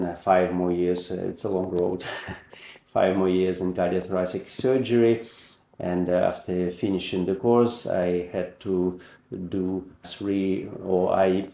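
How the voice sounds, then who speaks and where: A middle-aged man speaks English with a Ukrainian accent, recounting his career as a surgeon. His voice is low and mellow, and his phrasing is measured and a little non-native, with restarted words. The room around him gives a noticeable echo. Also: gravelly, slight background noise. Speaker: heart and lung surgeon. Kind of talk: personal career account.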